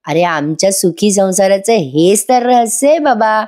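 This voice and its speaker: A woman's voice: medium pitch, lively intonation, unhurried, dark tone, lightly acted. A woman voicing a fond middle-aged mother who teases her son. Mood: teasing. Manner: affectionate, teasing.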